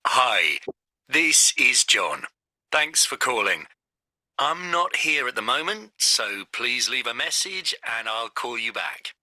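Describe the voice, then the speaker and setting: An actor playing a man whose recorded voicemail greeting is played back, spoken slowly and clearly as scripted textbook audio. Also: medium pitch, sing-song, pushed and bright, no room sound, heavily acted. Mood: neutral. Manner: slow, clearly spoken outgoing message. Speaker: voicemail greeting in a listening exercise.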